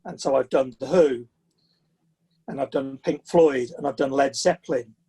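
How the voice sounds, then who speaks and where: Sixty years old and from the south of England, this man speaks with a southern English accent in a mid-range, slightly rough voice with a dark tone. At a moderate pace, he chats and tells anecdotes as a guest in a podcast interview.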